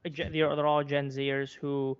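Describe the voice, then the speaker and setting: In a lo-fi recording, a man in his twenties from Florida, who works as a content creator and journalist, gives conversational commentary as an interview guest. He has an American accent and a smooth, level voice on the high side, moving at a moderate pace. He earnestly reworks his points while speaking.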